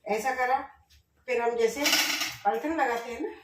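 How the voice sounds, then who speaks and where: A middle-aged woman cooking in her home kitchen, chatting directly to her viewers and speaking loudly on purpose. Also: a little high, steady tone, a little slow, recorded from a distance, heavy background noise. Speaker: vlogger. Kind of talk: casual cooking vlog. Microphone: camera set up at a distance. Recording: echoey kitchen, voice off-mic.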